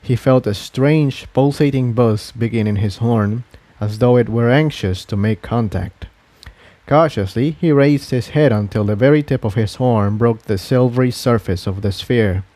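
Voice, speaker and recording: In a mellow, relaxed voice of middling pitch, a man reads scripted narration of an adventure story at a moderate pace. The recording is close and dry, with no room sound.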